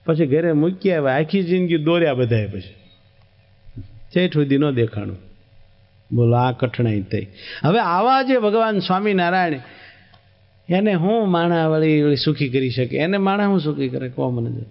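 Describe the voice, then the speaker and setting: Man, Kathiawadi accent, devotional storytelling sermon, acts out the dialogue, somewhat high pitch, muffled lo-fi recording. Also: normal speed. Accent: Kathiawadi Gujarati. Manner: animated storyteller voicing dialogue. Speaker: preacher. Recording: dull lo-fi recording.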